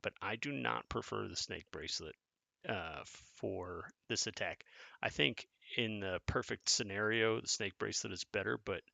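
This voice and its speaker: A man's voice: on the low side, normal speed, gravelly, bright, forceful tone, dry recording. A man giving casual live commentary on a strategy game, thinking aloud as he plays and chatting back to his viewers. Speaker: gaming content creator.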